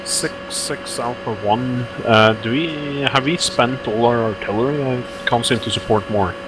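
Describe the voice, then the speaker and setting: A man talking in a halting, matter-of-fact way over crackly military radio while playing a tank simulation. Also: mid-range voice. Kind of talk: casual military game radio chat. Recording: crackly radio, loud vehicle-like hum.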